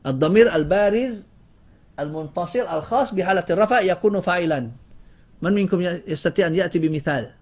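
In a grammar lesson, a high-voiced man talks fast as he drills his class on word lists and fires questions at the students. He often breaks off mid-word and starts it again.

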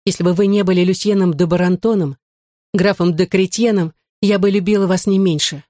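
A man's voice: sits high, fairly even intonation, a little fast, dark tone, no echo, studio quality, close to an everyday voice. A man reading an audiobook, voicing an earnest, devout young noblewoman in love. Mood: earnest pleading. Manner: earnest, pleading.

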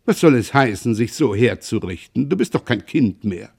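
A man's voice: mid-range voice, animated, normal speed, gravelly, a little mellow. A man reading aloud the lines of an annoyed mother who scolds her grown son. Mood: scolding. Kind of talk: literary reading.

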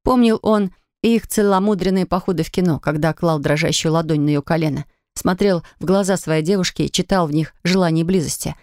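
A woman narrating an audiobook in a measured, even storytelling manner, recorded in a studio. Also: lowish voice, dry recording.

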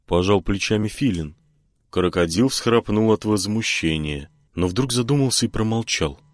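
A man narrates an audiobook with a very deep voice. His pitch moves a great deal as he tells the story. The recording is dry and close. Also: normal speed, no echo. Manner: expressive.

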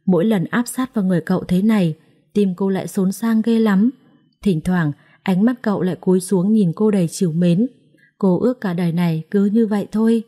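Female storyteller, dark mellow tone, expressive dramatic narration of a serialized story. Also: medium pitch, brisk.

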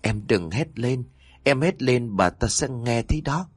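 A man voicing the ghost of a young woman, cold and sad, who speaks softly and slowly with a trembling voice. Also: mid-range voice, lively intonation, husky, no room sound. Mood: soft pleading. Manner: soft, trembling, slow.

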